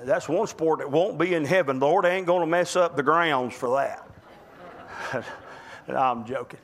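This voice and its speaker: High, bright-voiced preacher man. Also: normal speed. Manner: emphatic, swings from loud urgent preaching to low quiet asides. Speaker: pastor. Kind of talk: sermon.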